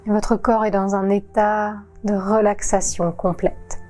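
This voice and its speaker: Slow, soothing woman guiding a yoga nidra. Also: mid-range voice, faint music behind. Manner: calm, soothing, with long pauses. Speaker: yoga teacher. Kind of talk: guided relaxation narration.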